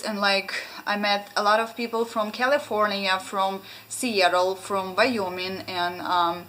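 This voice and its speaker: A young Ukrainian woman with a Russian accent vlogs casually to the camera from a small room in her home. Her mid-range voice is a little bright, and she hesitates often, filling gaps with ums and restarting sentences.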